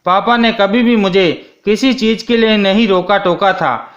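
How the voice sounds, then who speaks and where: A man narrating a first-person story in a steady, scripted reading. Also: high voice, measured pace. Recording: dull lo-fi sound.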